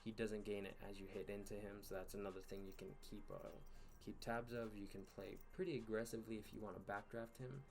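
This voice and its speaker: A man hosting a gaming channel, giving casual commentary over gameplay late at night, tired and yawning, in a relaxed, rambling way with fillers and sighs. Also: lowish voice, fast talker, creaky, few pauses. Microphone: voice-over recorded in one take.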